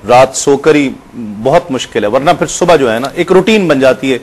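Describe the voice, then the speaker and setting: A man hosting a casual studio chat on television, playful and quick to laugh. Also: medium pitch. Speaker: TV host.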